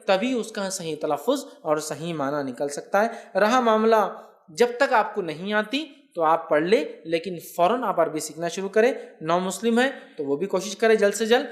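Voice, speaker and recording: In a religious lecture, an Islamic scholar responds to questions from viewers. He has a high voice, takes a patient explanatory approach, and keeps checking that his audience understands.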